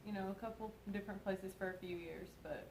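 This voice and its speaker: A woman's voice: mid-range voice, fairly even intonation, quick pace, darkish tone. Young woman, mild Kentucky accent, chatty, giggly, roomy echo, faint hiss. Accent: mild Kentucky Southern. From Kentucky, USA. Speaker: co-host. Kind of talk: casual chat.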